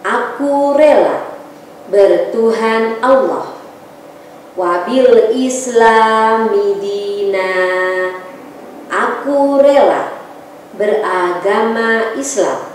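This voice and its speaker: A middle-aged woman with an Indonesian accent, a teacher leading children's prayers, reciting deliberately phrase by phrase. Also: on the high side. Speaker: kindergarten teacher. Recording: very echoey room, distant mic, faint noise.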